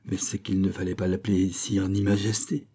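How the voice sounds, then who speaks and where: A man's voice: low voice, level tone, normal speed, mellow, slightly rough. A man voicing a jovial, boastful locksmith near fifty in a read-aloud novel. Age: middle-aged. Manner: chatty, boastful, laughing.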